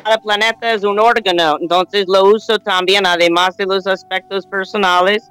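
A middle-aged woman with an American accent and English as her first language, a guest on a remote call who speaks in a calm, unhurried way and slips in English words. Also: medium pitch, clean tone, faint music behind, rough recording. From United States. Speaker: guest astrologer and yoga teacher. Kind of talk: remote interview over a call.

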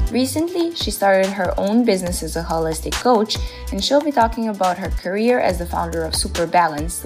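A woman host reading a welcoming, upbeat podcast introduction. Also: mid-range voice. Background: music.

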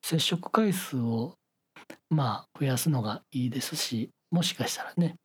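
A man's voice: medium pitch, lively intonation, measured pace, slightly rough. A man with a Kyoto accent hosting a podcast in casual, joking chat. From Kyoto, Japan. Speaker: podcast host.

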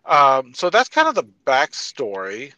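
Male podcast host, bright punchy voice, mid pitch, folksy, interview style. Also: huge pitch swings, unhurried, muffled recording. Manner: folksy, addresses listeners as y'all and folks. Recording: reverberant interview sound.

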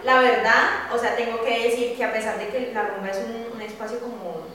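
Animated young woman in an echoey room. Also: fairly high pitch, brisk, a little hiss or hum. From Colombia. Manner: animated storytelling, swears casually. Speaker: podcast host. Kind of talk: casual round-table chat. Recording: echoey room, mic far off.

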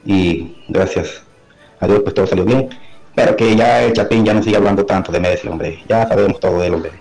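A male caller on the phone with a very deep, gravelly voice. He teases the hosts in a laid-back way. Faint music plays behind him. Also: steady tone, fairly quick, a little mellow, low-quality recording. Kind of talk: call-in comment. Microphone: phone call.

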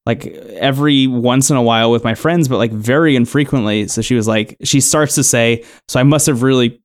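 A man talks through a reality show episode at an easy, unhurried pace, his voice sitting at an ordinary middle pitch. He rambles a little, leaning on "like" and "um" as he retells each scene. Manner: relaxed storytelling, many "like" and "um" fillers. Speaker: podcast co-host recapping a reality show. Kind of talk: casual chat.

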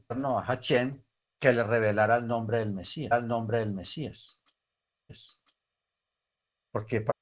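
A man telling a story as a preacher, repeating each phrase with sudden emphatic bursts. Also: medium pitch. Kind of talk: storytelling sermon.

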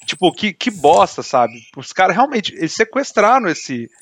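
A man's voice: high-pitched, very animated, normal speed, a bit bright. A man in casual podcast chat, talking in a heated, indignant way and filling his speech with slang.

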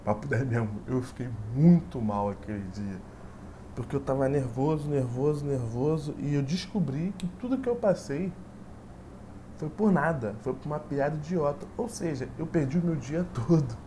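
A man's voice: a little high, expressive, moderate pace, dark tone, a little hiss or hum. A man, telling a personal story in a casual, rambling way full of fillers. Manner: rambling, repetitive, full of "tipo assim" fillers.

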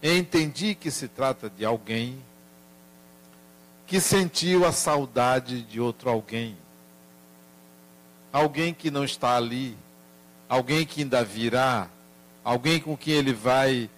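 Slow, reflective older man. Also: mid-range voice, poor audio. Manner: slow, deliberate, gently reflective. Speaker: speaker telling a family story. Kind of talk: reflective spoken storytelling.

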